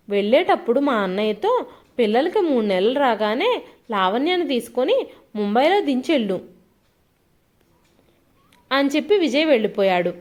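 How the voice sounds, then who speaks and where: Expressive woman narrating a first-person story. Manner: expressive, voices quoted lines with pitch shifts.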